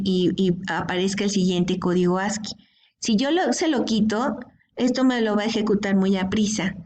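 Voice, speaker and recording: A woman's voice: medium pitch, a little mellow. Woman, programming teacher, patient step-by-step explaining, faint hiss behind. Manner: explanatory, checks in with frequent "¿sí?" and "¿de acuerdo?". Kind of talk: screen-recorded coding lesson.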